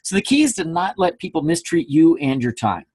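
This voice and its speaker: A man with a slightly husky, somewhat higher voice leads a sales training session. He talks in an emphatic coaching manner and keeps checking in with his listeners. His delivery feels like a recorded presentation. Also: very animated, brisk, darkish tone. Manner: emphatic, coaching, frequent "okay?" check-ins.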